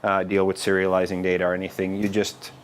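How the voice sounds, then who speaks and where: A lower-pitched man from Finland talks a meetup audience through a developer presentation. His delivery is casual and loose, with plenty of "uh"s and restarts. A faint room hum sits behind him. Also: quick pace. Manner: relaxed, informal, with frequent fillers and restarts. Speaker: developer advocate giving a meetup talk. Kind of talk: conference tech presentation.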